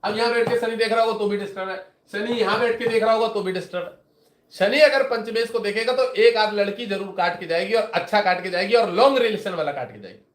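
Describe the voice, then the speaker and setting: A man's voice: sits high, fast talker. Man, astrologer, casual teaching talk, chatty, rambling, echoey room. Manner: chatty, rambling, retells conversations with students. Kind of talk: casual lecture to viewers.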